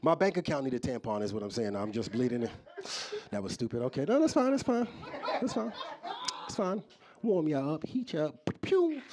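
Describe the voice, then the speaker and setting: This comedian from New York has a fairly low, darkish voice. He's doing stand-up at a live show held in an office building, chatting casually and straight at the crowd.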